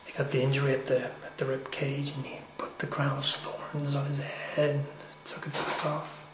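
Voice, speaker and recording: A man's voice: medium pitch, monotone, moderate pace, a little hiss or hum. Man telling a story in an echoey room. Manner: loose and conversational, with frequent "you know" and "like" asides. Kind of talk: casual spoken storytelling.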